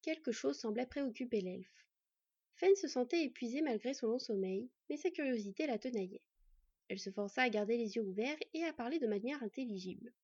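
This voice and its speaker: A woman narrating a story aloud in a calm, even reading voice, in a slightly muffled recording. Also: fairly high pitch, fairly quick, breathy edge, no echo.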